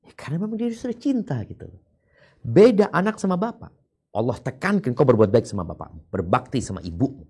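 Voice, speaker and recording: A man's voice: medium pitch, big pitch swings, quick pace, warm tone, breathy edge. A man preaching a sermon and answering listeners' questions.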